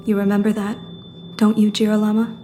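An actress playing a stern mother who founded a secret poison trade, speaking gravely and reproachfully. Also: mid-range voice, monotone, brisk, mellow, slight background noise, natural voice. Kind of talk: audio drama acting.

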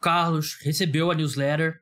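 A man's voice: on the high side, little pitch movement, normal speed, a bit bright. Casual, jokey Brazilian man hosting a podcast. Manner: informal, jokey, self-deprecating. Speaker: podcast host. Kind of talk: casual sports podcast chat.

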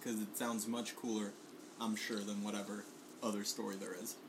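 A man's voice: on the low side, little pitch movement, normal speed, noisy background. A man from Puerto Rico chatting casually about food he brought, swearing often and filling gaps with ums and laughs. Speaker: guest bringing food. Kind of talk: casual food tasting chat.

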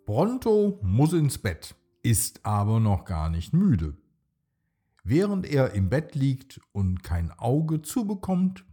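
A man narrating a bedtime story for children in a slow, soothing, expressive reading. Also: fairly low pitch, husky.

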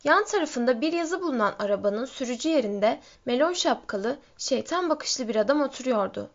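A woman narrating a story in a steady reading voice. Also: normal speed. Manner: steady storytelling, lifts pitch for shouted quotes. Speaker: audiobook reader. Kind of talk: scripted narration. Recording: dull lo-fi recording.

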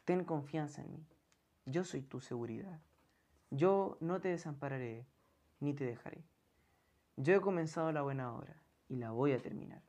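A woman voicing God the Father, speaking gently and protectively in her sermon. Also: sits low, normal speed, long pauses, pitched below the performer's own voice. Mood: tender. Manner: soft, tender.

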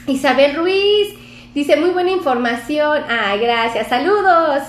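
A woman's voice: high-pitched, expressive, slow, reverberant. A Mexican woman doctor chatting casually on a live stream with a Mexican accent, effusive and chatty as she reads out viewer comments. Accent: Mexican Spanish.

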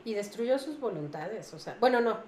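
A woman with a Mexican accent in casual chat, adding quick, joking asides. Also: on the high side, lively intonation, a little mellow. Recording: echoey room with faint noise.

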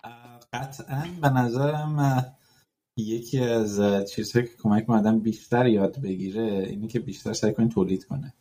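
A podcast host, talking casually and thoughtfully, pausing often with fillers and dropping in English words. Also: male voice, mid-range voice, dark tone. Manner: thoughtful, rambling with many fillers and English loanwords.

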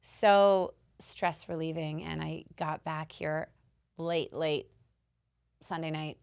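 Host role: woman, hoarse and low-pitched, chatty with easy laughs and casual swearing. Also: steady tone, slow, darkish tone. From Canada. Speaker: podcast host. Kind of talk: casual chat.

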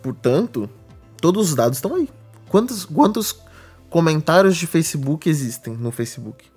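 A man's voice: a little high, lively intonation, a little fast, a little mellow, husky, soft background music. A man with a Brazilian Portuguese accent, co-hosting a podcast and patiently explaining ideas with everyday examples. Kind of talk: casual explanatory chat.

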